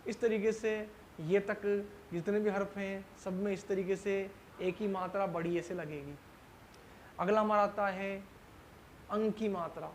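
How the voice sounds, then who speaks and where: A man teaching a language lesson. He explains slowly, asks himself questions and answers them, and stretches out example syllables carefully. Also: high voice, fairly even intonation, a little hiss or hum. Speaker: Urdu teacher. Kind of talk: classroom-style language lesson.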